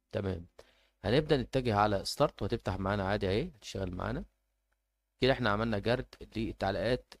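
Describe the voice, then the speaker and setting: A man's voice: fairly low pitch, vocal fry. A man with an Egyptian Arabic accent announcing a giveaway informally as host, hesitating and repeating himself as he goes.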